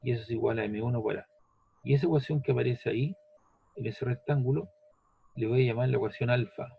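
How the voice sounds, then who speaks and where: A man's voice: mid-range voice, fast, gravelly, slightly rough, dull audio. A man teaching a physics lesson step by step, patient, repeating each step and checking that the student follows. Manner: patient, repeats steps, asks "¿ves?" and "¿cierto?".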